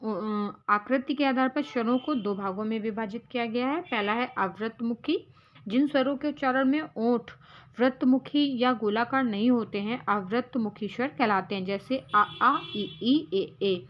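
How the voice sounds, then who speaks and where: A woman's voice: fairly high pitch, normal speed, highs cut off. A woman teaching as an exam prep tutor, going through quiz answers step by step and calling her viewers friends.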